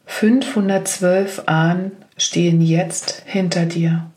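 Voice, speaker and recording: A woman leading a guided meditation, giving gentle, slow instructions. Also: lowish voice, steady tone, rough recording.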